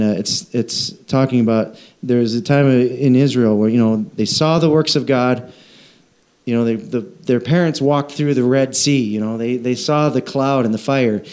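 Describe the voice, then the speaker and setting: A man preaching a conversational sermon, animated, with frequent restarts and repeated words. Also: mid-range voice. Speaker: pastor.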